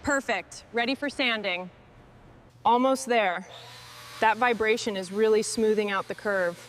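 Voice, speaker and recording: While working on restoring a vehicle, a woman mutters clipped, approving remarks to herself about each task. She speaks a little slowly in a mid-range voice, with slight background noise.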